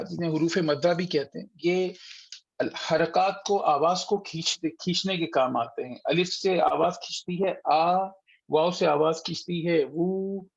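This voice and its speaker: A man teaching a Quran recitation class online, patiently sounding out letters slowly and repeating them for students. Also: a little high, creaky, dull audio. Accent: Urdu-speaking. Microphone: computer mic on a video call.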